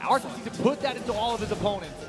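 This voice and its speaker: A man's voice: sits high, rapid-fire. A man commentating on a fighting game tournament, analysing play in a conversational back-and-forth. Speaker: esports commentator. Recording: music playing behind the voice.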